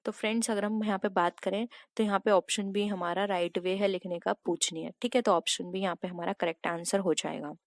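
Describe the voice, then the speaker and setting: A woman's voice: mid-range voice, steady tone, a little fast, hardly any pauses, dry recording, clean studio sound. A woman teaching an exam prep lesson, walking step by step through multiple-choice answers and addressing viewers as friends.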